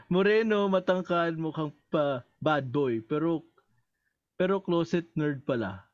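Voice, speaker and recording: A man co-hosting a casual podcast, animated, laughing often and swearing casually among friends. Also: a little high, slow, no room sound, lo-fi sound. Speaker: podcast co-host. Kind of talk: casual chat.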